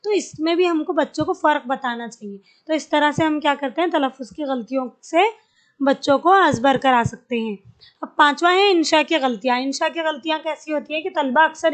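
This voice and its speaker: A woman teaching an exam-prep lesson, explaining step by step, repeating key terms and mixing in English words. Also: sits high.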